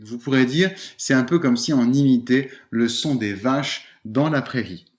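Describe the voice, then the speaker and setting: Expressive male voice coach. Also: mid-range voice, normal speed. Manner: expressive, plays with intonation and stress while demonstrating. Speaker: voice and public speaking coach. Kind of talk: podcast coaching lesson.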